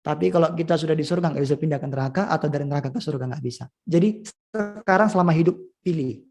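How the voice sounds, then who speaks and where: A male pastor preaching a sermon at a school, telling stories with lively swings in pitch and volume. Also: quick pace. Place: school event.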